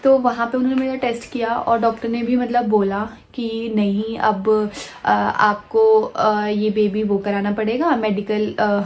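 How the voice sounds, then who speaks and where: A woman vlogger telling a personal story in a soft, hesitant way, pausing often with fillers and restarts. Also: on the high side, level tone, slight background noise. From India.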